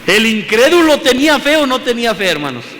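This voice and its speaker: A man's voice: very high voice, big pitch swings, fairly quick, fairly bright tone. A man preaching a sermon in a church, speaking emphatically and repeating phrases as he addresses his listeners as brothers. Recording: long hall reverb, faint room noise.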